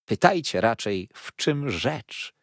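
A man doing a florid, pompous gentleman. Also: low-pitched, lively intonation, normal speed, slightly rough, no room sound, studio quality. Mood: distraught. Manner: grandiloquent, flowery phrasing; emotional outbursts. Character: pompous, tearful, florid middle-aged gentleman.

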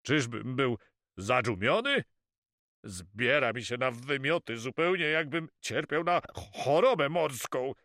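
A man voicing a loud, hot-tempered male pirate who blusters and swears by sharks in an audiobook. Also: mid-range voice, lively intonation, slow pace, no echo, studio quality, pitched above the performer's own voice. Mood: aggrieved. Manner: blustering, shouts sea-themed curses. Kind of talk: audiobook character voice.

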